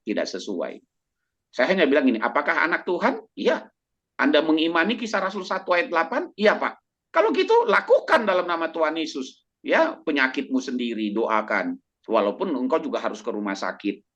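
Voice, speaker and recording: A male pastor preaching with animated, exhorting energy and a lively voice that leaps up and down in pitch. He acts out little exchanges and often ends his points with a tag question to his listeners. The recording sounds muffled and lo-fi. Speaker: pastor and doctor, guest speaker. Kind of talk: preaching talk to a congregation.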